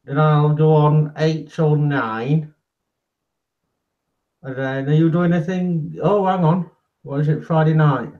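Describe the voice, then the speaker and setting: Man, live-stream host, jokey banter, greets viewers, fairly high voice, dull lo-fi audio. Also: fairly even intonation, slow, pauses often. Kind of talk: casual live-stream chat.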